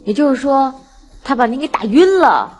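A woman's voice: sits high, lively intonation, moderate pace, long reverb tail. A woman hosting a TV talk show, asking probing, attentive questions. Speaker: host.

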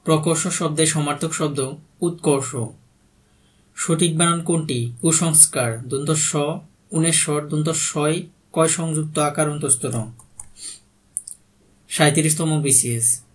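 A man's voice: on the high side, fairly even intonation, unhurried, pauses often. A man with a Bangladeshi Bengali accent, working as an exam prep tutor and reading out quiz questions, each followed by its answer and a brief explanation. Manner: reads each question then gives the answer plainly.

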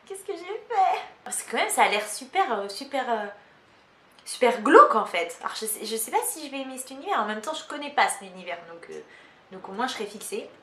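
A woman's voice: a little high, animated, quick pace, a bit bright. A woman vlogger chatting casually to camera, self-mocking, with many fillers. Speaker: book vlogger. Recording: roomy echo.

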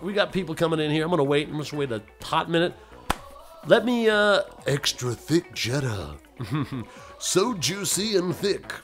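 A man's voice: on the high side, fairly bright tone. Playful man hosting a game stream. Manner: loose and playful, talks to chat, slips into silly voices. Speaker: livestream host. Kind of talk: casual livestream chat.

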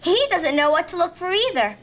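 A woman's voice: extremely high pitch, big pitch swings, brisk, fairly bright tone, a little hiss or hum, full character voice. A young teenage girl playing an earnest kid detective who leads her friends in a TV drama. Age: young teen.

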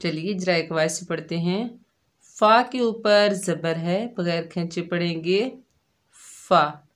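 A woman teaching Quran recitation rules step by step, explaining each letter patiently and then chanting the syllables drawn out and louder. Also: on the low side, unhurried. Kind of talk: tajweed lesson, slow syllable drills.

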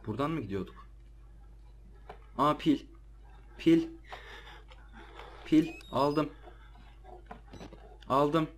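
A man's voice: fairly high pitch, extremely slow, long pauses, a little hiss or hum. A man giving casual, slangy commentary while playing a horror game, jumpy and easily startled as he talks to his viewers. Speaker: let's play gamer.

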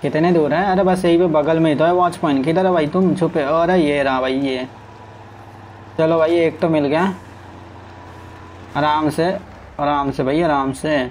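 A man's voice: fairly high pitch, fairly even intonation, moderate pace, long pauses, a little mellow, slight background noise, low-quality recording. A man giving casual commentary as he plays a game, chatting to his truck and his viewers. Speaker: gaming streamer. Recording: faint game sounds in background.

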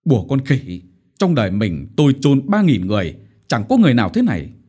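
A man voicing a blunt, gruff older retired general, read in an audiobook. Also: medium pitch, sing-song, a little fast, mellow.

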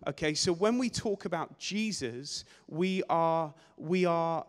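A young man preaching a sermon on a church stage with a handheld mic, energetic and gesturing, often repeating words as he restarts phrases. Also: fairly high pitch, slow pace. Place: church stage in a large hall. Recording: long hall reverb.

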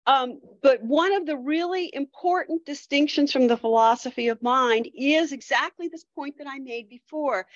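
A woman's voice: high voice, no echo, dull audio. A woman giving an academic lecture, thinking aloud with frequent restarts and fillers.

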